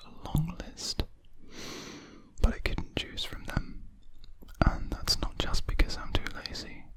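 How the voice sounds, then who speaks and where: A person whispering breathily in ASMR style, very close to the microphone with audible mouth sounds, rambling in an unhurried way. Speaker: ASMR video creator. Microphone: very close to a studio USB microphone.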